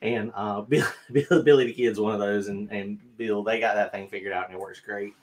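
A man's voice: lowish voice, steady tone, fairly quick, a little mellow. A middle-aged man with a North Carolina Southern accent, chatting casually as a livestream host from a home studio, rambling with lots of fillers and restarts. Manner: rambling, self-deprecating, many fillers and restarts. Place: home craft studio, indoors.

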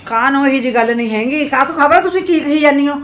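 A woman's voice: sits high, racing, fairly bright tone, a little hiss or hum. An actress playing an older mother-in-law with a cough, scolding her daughters-in-law and pleading for peace. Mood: fretful. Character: older woman, fussing mother-in-law of two bickering daughters-in-law. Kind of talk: amateur village short-film acting.

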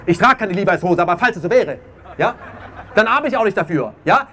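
This man's voice is high-pitched, animated, brisk, and sharp as he addresses an outdoor peace demonstration. Emphatic and impassioned, he keeps adding "ja?" to his statements over faint crowd noise.

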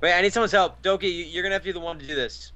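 A man chatting over a game, goofy and excitable, repeating silly catchphrases. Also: sits high, racing. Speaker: gamer co-host. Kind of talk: casual gaming banter.

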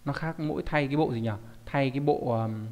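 A man's voice: medium pitch, a little fast, darkish tone, long reverb tail. A man teaching a recorded online kanji lesson, explaining step by step and often asking rhetorical check-in questions. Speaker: Japanese teacher.

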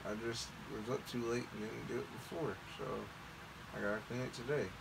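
A young man with a gravelly, creaky voice, talking groggily as if still under anesthesia. He is cocky and sweary in casual chat, recorded on a phone in a bedroom with clear background noise. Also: medium pitch, fairly even intonation, brisk. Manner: groggy and drugged-sounding after anesthesia; cocky, profane. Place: lying in bed in a bedroom. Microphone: phone camera at a short distance. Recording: noisy phone video in bedroom.

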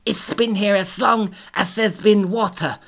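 A man's voice: very high-pitched, unhurried, pushed and bright, pitched above the performer's own voice, exaggerated voice. A woman voicing a male shark demon thug who drawls and taunts in a put-on accent. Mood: nervous bragging.

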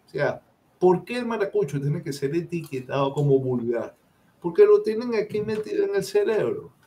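A man's voice: high voice, sing-song, moderate pace, warm tone, a little hiss or hum. A Venezuelan man, a guest professor, speaks emphatically and lectures his opinions in a live-stream discussion.

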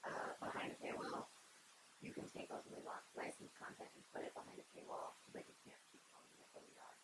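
A young woman delivers a conversational keynote from a podium on an auditorium stage, speaking into its microphone with lots of fillers and restarts. She talks fast, and there is heavy background noise.

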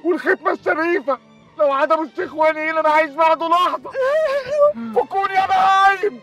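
A man's voice: very high-pitched, fairly even intonation, quick pace, over loud music. Frantic pleading young man. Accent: Egyptian Arabic. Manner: urgent, pleading, emotional. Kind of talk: Egyptian TV drama acting.

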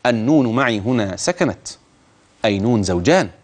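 A man teaching the rules of Quran recitation. He speaks straight to the listener, urges attention, and slowly stretches words to demonstrate how they should be pronounced. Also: lowish voice, animated. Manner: addresses the listener directly, urging attention. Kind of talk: tajweed lesson with recited examples.

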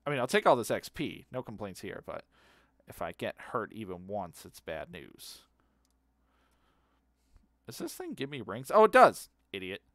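A man's voice: lowish voice, expressive, unhurried, pauses often, fairly bright tone, no room sound, clean studio sound. A man chatting casually while he streams a game, rambling, laughing easily and humming to himself. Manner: rambling and easily amused, repeats words aloud, hums to himself.

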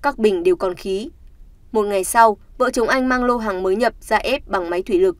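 A woman reading a scripted news report in a steady, somber tone. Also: mid-range voice, a little fast, no room sound. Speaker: news narrator.

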